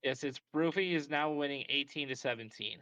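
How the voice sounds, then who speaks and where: A man's voice: fairly high pitch, a little fast, fairly bright tone, smooth, no room sound, poor audio. A man hosting a casual quiz game among friends, reading quotes and keeping score. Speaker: quiz host.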